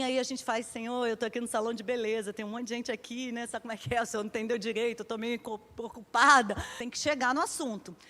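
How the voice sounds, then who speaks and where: High-voiced Brazilian woman preaching. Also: a bit bright, in a large hall. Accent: Brazilian Portuguese. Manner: conversational storytelling, acting out dialogue. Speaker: pastor. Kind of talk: sermon.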